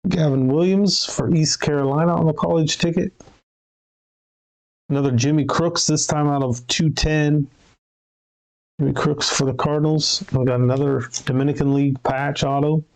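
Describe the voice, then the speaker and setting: Gravelly man calling out a card break. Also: a little high, fairly even intonation, moderate pace, rough recording. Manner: reads out card names and serial numbers, self-correcting. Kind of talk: live card break commentary.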